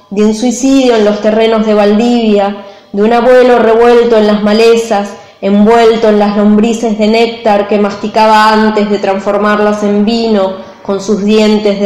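A woman from Argentina, a poet, reading her own poem aloud in a slow, measured recitation. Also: mid-range voice, warm tone, reverberant, poor audio. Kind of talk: poetry reading.

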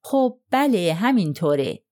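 A woman's voice: lowish voice, lively intonation, a little mellow, close to an everyday voice. A woman voicing a reserved young man in an audiobook, giving short, guarded answers under questioning. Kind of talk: audiobook character reading.

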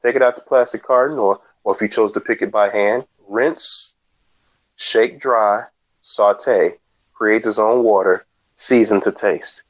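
A man co-hosting a podcast in casual chat, joking with dry, deadpan asides. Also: fairly low pitch, unhurried, muffled recording. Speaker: podcast co-host.

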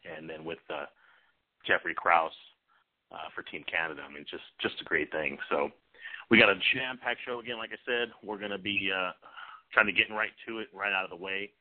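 A man hosting an informal sports talk show in a halting, repetitive, unscripted way. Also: sits low. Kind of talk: unscripted internet radio talk. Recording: muffled narrow-band phone-like internet radio.

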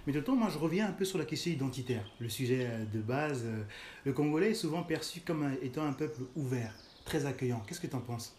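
A man's voice: medium pitch, expressive, a little fast, a little mellow, a little hiss or hum. A man hosting a casual interview, asking questions and murmuring agreement with many fillers. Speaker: podcast host. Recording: echoey room with faint music.

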